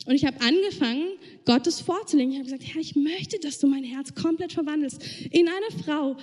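A woman's voice: high voice, mellow, big-room sound. A woman preaching a sermon, speaking earnestly and directly to her listeners.

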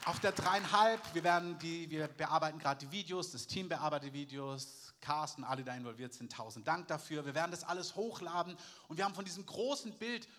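Bright, high-voiced man preaching a sermon. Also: a little fast. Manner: emphatic, repeating phrases and calling for amen. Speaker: pastor.

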